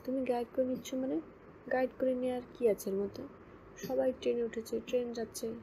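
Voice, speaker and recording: A woman voicing a stubborn teenage girl student who answers in a sharp, snappish way. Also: a little high, fairly even intonation, brisk, vocal fry, slight background noise, rough recording. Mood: sulky.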